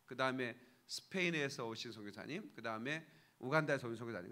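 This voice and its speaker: In a church sanctuary, a pastor with a slightly bright, mid-range voice preaches casually to his congregation, repeatedly asking for their agreement and suddenly raising his voice for emphasis.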